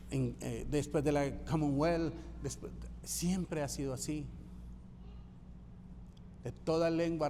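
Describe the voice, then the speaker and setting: A Colombian pastor preaches a sermon in a church sanctuary, speaking emphatically and repeating key phrases for rhythm. His mid-range voice is mellow, carrying through the large hall with a little hiss or hum.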